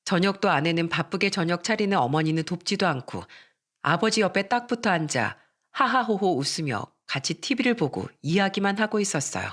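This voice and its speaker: A storyteller reading a scripted first-person family story in an even, confiding way. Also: mid-range voice, fairly quick.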